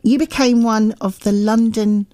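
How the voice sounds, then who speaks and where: A woman's voice: on the high side, fairly even intonation, a little slow, dry recording. Radio presenter woman, encouraging interviewer. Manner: warm encouraging interviewer, many affirming noises.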